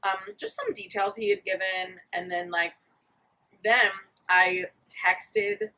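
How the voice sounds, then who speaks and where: A woman's voice: medium pitch, big pitch swings, slow, vocal fry, sharp tone, recorded from a distance, rough recording. A woman in casual comedic chat, telling stories in a wry, candid way.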